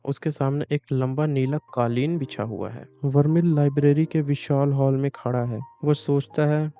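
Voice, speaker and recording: A man narrating a comic story recap in a smooth, resonant voice that stays flat and level throughout. The recording is slightly dull and lo-fi, with music playing softly behind him. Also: mid-range voice, moderate pace.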